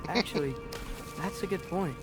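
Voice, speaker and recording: A man's voice: high voice, moderate pace, music in the background, close to an everyday voice. An actor, a man, playing an earnest, stubborn teenage boy adventurer in a fantasy video game. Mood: musing.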